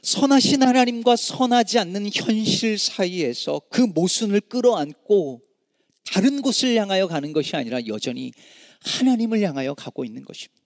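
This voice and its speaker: A middle-aged man preaches with a high, ringing voice that swells into anguished pleas and then sinks to a near hush. He is miked close and dry, yet a long reverb trails behind him in a large room. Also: expressive, normal speed. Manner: dramatic rises and hushed drops, voicing anguished cries to God. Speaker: pastor. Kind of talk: sermon.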